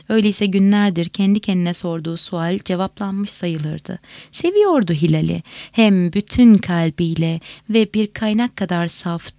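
Gravelly-voiced woman reading a novel. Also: on the low side, no echo. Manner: measured, expressive reading. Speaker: audiobook reader. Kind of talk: novel read aloud.

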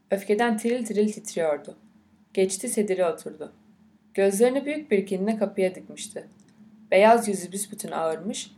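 A woman narrating an audiobook of a novel, with a measured, unhurried reading. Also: medium pitch, dark tone.

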